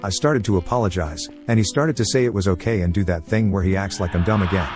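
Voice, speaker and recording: A man narrating forum posts as a story, reading quickly with few pauses. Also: sits low, music in the background. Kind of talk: fast scripted story reading.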